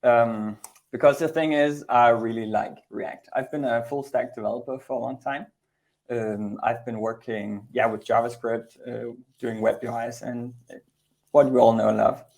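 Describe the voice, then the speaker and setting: A man's voice: mid-range voice, steady tone, normal speed, vocal fry, a little mellow. A man in his thirties from Denmark giving an informal technical lightning talk in a conversational, slightly hesitant way over a video call. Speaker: conference speaker, Go developer. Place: indoor room, video call.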